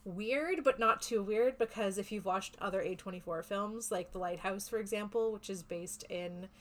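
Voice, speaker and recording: A woman's voice: mid-range voice, normal speed. Chatty woman podcast host. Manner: rambling, chatty explaining. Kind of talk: casual podcast chat.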